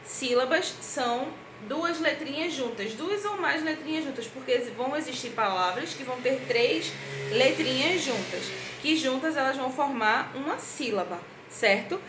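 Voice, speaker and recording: A woman teacher, fairly high-pitched, takes young children through a review lesson at a board. She speaks in a patient, sing-song way, drawing out syllables slowly. The room is echoey with a faint hiss behind her. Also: lively intonation. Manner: slow, drawn-out words when spelling out syllables. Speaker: primary school teacher. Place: indoor room at a board, writing with a marker.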